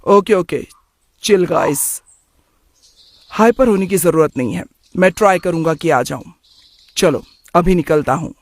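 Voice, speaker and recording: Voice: mid-range voice, measured pace, long pauses, no room sound, close to an everyday voice. A voice actor playing a careless young man in a cartoon story, who drops English slang into his talk. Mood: breezy. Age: young adult.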